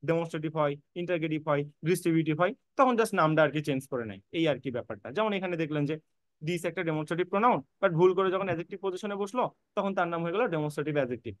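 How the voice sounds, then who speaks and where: Racing along in an expressive, fairly high-pitched voice, a man delivers an online admission-prep lecture on English grammar. He goes back over points, spells words out letter by letter, and speaks directly to his students to reassure them, with no echo.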